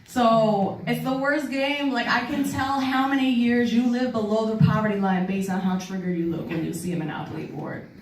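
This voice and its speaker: A woman from New York City doing a stand-up comedy set in a small club. She talks in a lively way and laughs at her own jokes. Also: fairly high pitch, normal speed, few pauses, slight background noise. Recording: echoey club room, mic at a distance. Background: audience laughter.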